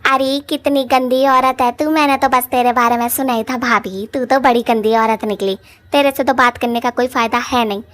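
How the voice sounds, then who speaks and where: A woman voicing a quarrelsome young witch woman in a cartoon, loud, rough and scolding. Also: extremely high pitch, big pitch swings, moderate pace, hardly any pauses, voice pushed up, exaggerated voice.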